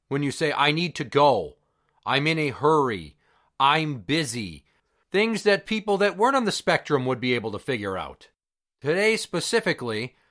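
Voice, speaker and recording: A man's voice: fairly high pitch, fairly bright tone. A middle-aged man delivering a casual personal rant in a blunt, exasperated way, with plenty of swearing. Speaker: host of a rant show.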